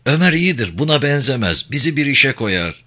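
A man voicing a proud, stubborn young village lad in a Turkish audiobook, in a higher, earnest, defiant voice. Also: big pitch swings, normal speed, sharp tone.

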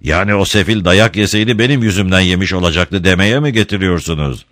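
A man's voice: deep voice, quick pace, a bit bright, no room sound, studio quality. A man voicing a hot-tempered village priest who talks in an indignant, commanding way. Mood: angry.

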